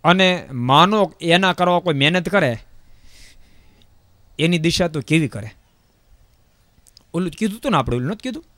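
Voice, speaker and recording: A man giving a religious discourse, telling a parable in an animated way and repeating phrases for emphasis. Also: on the high side, moderate pace, pauses often, no echo, studio quality. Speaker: preacher.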